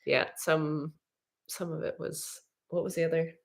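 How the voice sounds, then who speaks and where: Lower-voiced woman, lively book chat. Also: a little slow, creaky. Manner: animated, agreeing often. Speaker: book club member. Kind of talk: casual chat.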